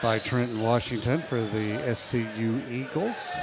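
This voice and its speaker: A man calling live basketball play-by-play, quick and rising when baskets fall. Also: mid-range voice. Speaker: play-by-play announcer. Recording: noisy gym broadcast.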